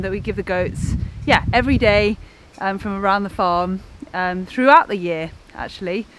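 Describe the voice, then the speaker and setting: A young woman hosting a farm vlog, talking in a relaxed, thoughtful way with plenty of fillers, filmed outdoors and in a goat shed. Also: mid-range voice. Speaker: farmer and vlog host.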